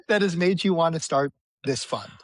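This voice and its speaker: A man's voice: a little high, animated, moderate pace, a bit bright, no echo, low-quality recording. A man hosting a podcast, asking long, playful questions with restarts in a casual way. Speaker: podcast host.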